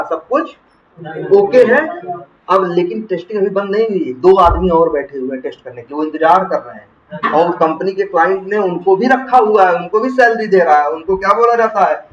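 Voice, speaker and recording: A man teaching software testing in to a class, asking questions and answering them himself. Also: high voice. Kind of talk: classroom lecture. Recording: roomy, distant, muffled classroom recording.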